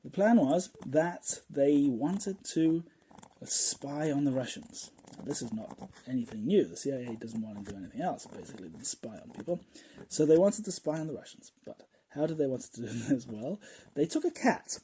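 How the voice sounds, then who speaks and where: A man hosting a podcast in a casual monologue, rambling and chatty, often chuckling and dropping into quiet asides. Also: mid-range voice, animated, moderate pace, breathy edge, low-quality recording. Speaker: podcast host.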